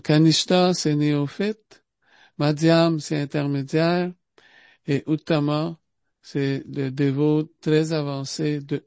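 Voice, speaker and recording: A man's voice: on the high side, darkish tone, no echo. Man, Québécois accent, informal spiritual talk, chatty asides, dry close sound. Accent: Québécois French. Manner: conversational, repeats itself and fills pauses with asides. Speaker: devotee giving a spiritual talk.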